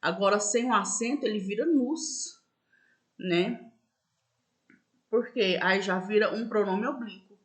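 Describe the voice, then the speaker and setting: A woman teacher gives a school lesson in a patient, repetitive way, often checking in with "né?" and slowing down to stress example words. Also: medium pitch, fairly even intonation. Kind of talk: school lesson explaining accents.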